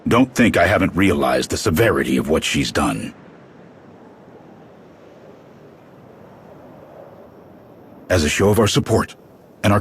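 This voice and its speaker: A male actor voices a stern, blunt military clan commander in a video game cutscene, his delivery husky and authoritative. The voice is very deep and gravelly, and the mood is stern and resolute. A little hiss or hum sits under the recording.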